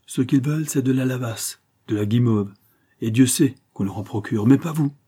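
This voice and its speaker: A man's voice: medium pitch, moderate pace, dark tone, breathy edge, close to an everyday voice. A male audiobook reader voicing a sardonic, fearless, frail man with a cutting, sneering delivery. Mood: mocking.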